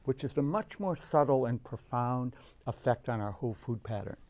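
A man's voice: mid-range voice, expressive, normal speed, a little mellow. A man in his sixties speaking on a panel as a food scientist, earnest and emphatic. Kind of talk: panel discussion. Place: lecture room with audience.

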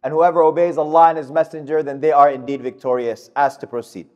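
A man in his thirties delivering a Friday sermon in a mosque, speaking at a podium microphone in a measured, emphatic way. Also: fairly high pitch, fairly even intonation, a little mellow, highs cut off. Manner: measured, emphatic delivery with fast recited Arabic verses. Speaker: khutbah speaker. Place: mosque prayer hall, indoors. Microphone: gooseneck podium mic.

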